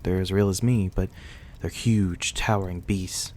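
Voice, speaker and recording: In an intimate ASMR roleplay, a man portrays a courteous, reclusive vampire who looks young, speaking softly and reassuringly in a politely old-fashioned manner. His low voice is steady and unhurried, with a gently concerned mood.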